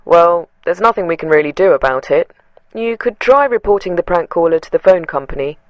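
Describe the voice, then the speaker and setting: A woman voicing a male police dispatcher who speaks in a calm, soothing, matter-of-fact way. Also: fairly low pitch, fairly quick, no room sound, lightly acted.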